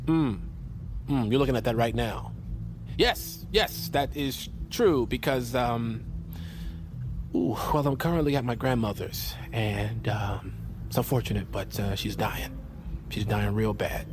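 An actor playing a glib, evasive young male slacker in a comedy, rambling and stammering in a deadpan way. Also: medium pitch, a little slow, background noise, lightly acted. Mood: evasive, nervous. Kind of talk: comedy film acting.

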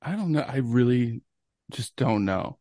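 A man's voice: mid-range voice, animated, measured pace, dark tone, dry recording, clean studio sound. A young man co-hosting a podcast, chatting casually and telling stories with enthusiasm and casual swearing. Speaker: podcast co-host. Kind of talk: casual chat.

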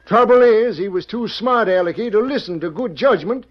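A stern frontier father, scolds in a high, very animated voice with an American Western accent. He is blunt and domineering, heard on a muffled old radio drama recording. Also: normal speed. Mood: angry. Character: stern, irascible father leading a wagon train. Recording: dull, band-limited old radio recording.

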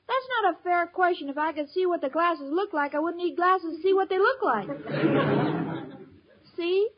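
A woman's voice: extremely high pitch, measured pace, a faint crowd. An actress playing a sweet, naive, love-struck young woman in an old radio sitcom, earnest and literal. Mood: naive, eager. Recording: dull, hissy old radio recording.

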